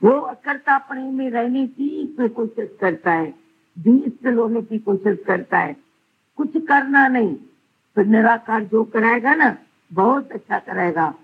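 A woman's voice: a little high, lively intonation, a little slow, slightly rough, narrow, tinny audio. A woman giving an earnest devotional sermon as a spiritual teacher, pressing her listeners with rhetorical questions.

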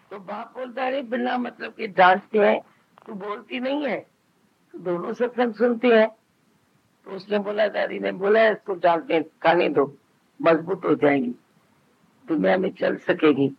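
A spiritual teacher with a high, gravelly voice gives a satsang discourse in a plain, conversational preaching style. He slips into quoted dialogue between parents and children, and the dull, lo-fi recording carries a faint hiss.

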